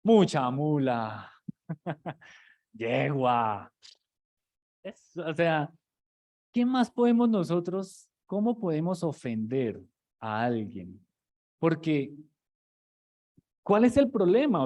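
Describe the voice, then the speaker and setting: Conversational preacher. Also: male voice, high-pitched, lively intonation, takes it slowly, pauses often, dark tone. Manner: conversational, many restarts and rhetorical questions. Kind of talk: sermon teaching.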